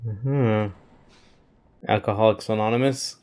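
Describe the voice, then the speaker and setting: A man's voice: lowish voice, steady tone, a little slow, a little mellow, clear, resonant tone. A man chatting casually as he hosts a movie reaction video, amused with himself and full of hesitant fillers.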